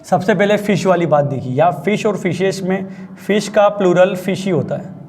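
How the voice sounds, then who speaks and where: With a high, slightly mellow voice at a normal speed, a man gives a chatty English grammar lesson. He repeatedly makes sure his students understood each point, and a little hiss or hum sits under the recording.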